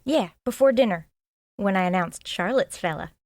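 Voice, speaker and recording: In an audio drama, a woman plays a nosy, loyal small-town sidekick with a frank, folksy, eager manner, sounding chatty and awed. Her mid-range voice is expressive and a little mellow, delivered at normal speed.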